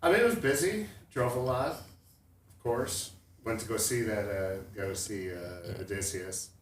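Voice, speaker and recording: A man's voice: fairly low pitch, unhurried, reverberant, a little hiss or hum. A man co-hosting a podcast, chatting casually and searching for words, with frequent restarts. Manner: hesitant, full of restarts and fillers. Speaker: podcast co-host. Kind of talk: casual chat.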